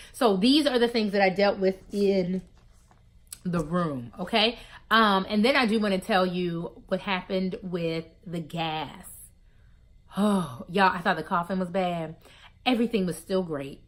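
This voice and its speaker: An adult woman talks straight to her viewers in a relaxed, chatty vlog. Her voice sits at a middle pitch. She swings between urgent, encouraging pushes and quieter asides, and she keeps calling her listeners "y'all". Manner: animated, addresses listeners as "y'all". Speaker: vlogger sharing surgery recovery tips. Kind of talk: casual advice talk to camera.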